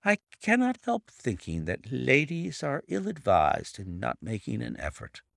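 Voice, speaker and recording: A man's voice: medium pitch, huge pitch swings, unhurried, vocal fry, a bit bright, no room sound, studio quality, pitched above the performer's own voice, exaggerated voice. A man voicing a smug, middle-aged male blackmailer with an oily, mock-sympathetic manner in an audiobook reading. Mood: mock-pitying.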